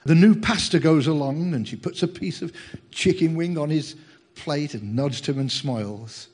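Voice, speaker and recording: A man's voice: fairly high pitch, moderate pace, darkish tone. A man preaching a sermon in a humorous, chatty way, teasing his congregation.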